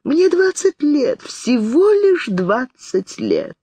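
A woman's voice: sits high, huge pitch swings, slow, mellow, no room sound, pitched above the performer's own voice, heavily acted. A woman voicing a mad, childlike elderly Englishwoman who chatters in a plaintive singsong.

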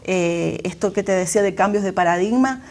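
A school director with an Argentine Spanish accent answers interview questions thoughtfully, her speech full of fillers and restarts. Her voice is medium-pitched and darkish, and she talks a little fast.

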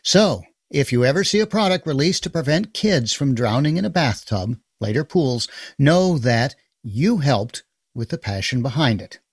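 A man with a husky, slightly raspy voice runs the interview. His pitch rises and falls a lot as he reads out audience questions, and the sound is very dry. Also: animated, moderate pace, no room sound.

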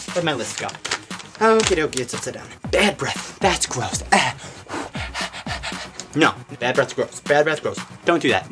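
Young man, comic vlogger, flamboyant and profane, lively swooping pitch, close camera mic with background music. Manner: sassy, flamboyant, profane, sing-song emphasis. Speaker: vlogger giving comic advice. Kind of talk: casual comedic vlog rant. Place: hot indoor room, below ground.

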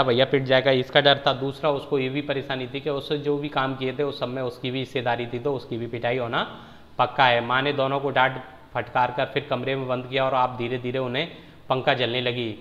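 A man's voice: medium pitch, fairly bright tone. A male teacher reading a story aloud and then explaining it in simple words. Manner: reads the text, then explains it in plain words. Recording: echoey, dull lo-fi recording.

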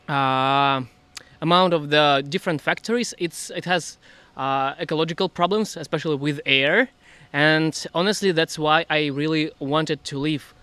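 Halting Russian-accented man, clear voice. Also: a little high, a bit bright, dry recording. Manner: hesitant, halting, laughs often. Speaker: guest. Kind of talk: casual interview chat.

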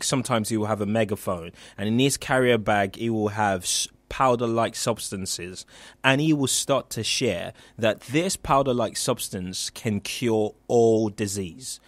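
Radio host, young man from Nigeria, earnest motivational talk with ums, low-pitched, dry close mic. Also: no room sound. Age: young adult. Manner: earnest, with frequent um and uh fillers.

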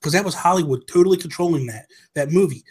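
This middle-aged man talks fast in a slightly high voice with a breathy edge, co-hosting a podcast in casual, opinionated chat. He emphasizes his points and repeats them for stress. The setup is a small home room with a desk microphone and headset headphones.

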